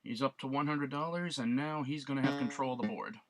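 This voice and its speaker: A man's voice: medium pitch, a little fast. A man casually commenting on a retro quiz game, reading the clues aloud and joking about his guesses. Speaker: let's play gamer. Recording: loud chiptune game music behind voice. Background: beeping retro game music.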